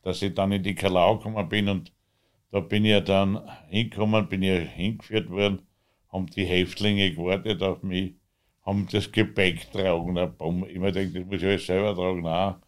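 A man with an Austrian accent, the interviewee, telling his own story in a rambling, halting way with loose dialect grammar. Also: low-pitched, level tone. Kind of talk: conversational storytelling.

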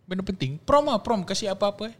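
A man's voice: sits high, big pitch swings, quick pace, a bit bright. A young man with a Singaporean accent chatting casually and telling a personal story, colloquially switching between English and Malay. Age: young adult. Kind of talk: casual chat, personal anecdote.

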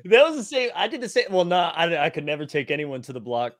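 A man co-hosting a podcast, laughing a lot and chiming in with quick questions. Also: on the high side, sing-song. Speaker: podcast co-host. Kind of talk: casual chat.

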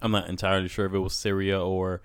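A man's voice: deep voice, little pitch movement, fast, clean tone, dry recording, studio quality. A man talking casually and emphatically at length, peppering his speech with bro. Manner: emphatic, talkative, says "bro" often. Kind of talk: casual conversational talk.

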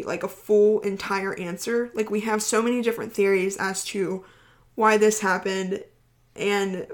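A woman hosting a podcast in casual chat, talking fast and rambling with lots of fillers. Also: mid-range voice. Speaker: podcast host.

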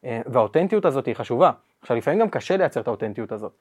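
A man's voice: mid-range voice, expressive. A man hosting a podcast interview, talking in a reflective, hesitant way with restarts. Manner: reflective, hesitant with repeated words and fillers. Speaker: podcast host.

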